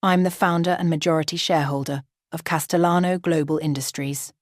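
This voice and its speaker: A woman voicing a calm, commanding middle-aged mother who speaks firmly and with authority. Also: low-pitched, fairly quick, no room sound. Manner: firm, authoritative.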